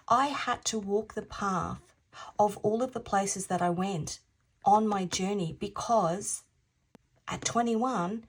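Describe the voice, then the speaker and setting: 50yo woman doing a tarot reading, kinda raspy breathy voice, thinking out loud, repeats herself. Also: medium pitch. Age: 50s. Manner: reflective, repeats phrases, drifts into soft half-whispers. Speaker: tarot reader. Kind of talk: intuitive tarot reading, musing aloud.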